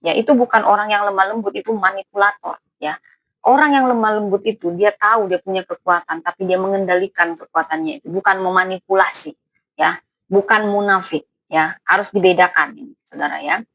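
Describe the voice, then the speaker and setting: A woman's voice: mid-range voice, fairly quick, a bit bright, no echo, low-quality recording. A woman pastor preaching a sermon in a blunt, emphatic manner, often turning to address the congregation directly.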